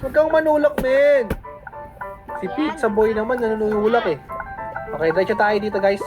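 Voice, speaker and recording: A woman's voice: a little high, moderate pace, phone-quality sound. A woman with a Filipino accent hosting a gaming channel, chatting playfully as she plays and mixing Tagalog with English. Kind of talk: casual game commentary. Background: game music.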